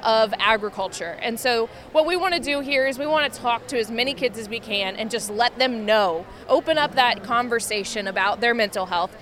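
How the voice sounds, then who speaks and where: Female outreach worker, bright and optimistic, somewhat high voice, expo floor. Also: a little fast, few pauses. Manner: upbeat, optimistic, earnest. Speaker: farm stress outreach worker. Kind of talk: interview answers. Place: busy convention expo hall.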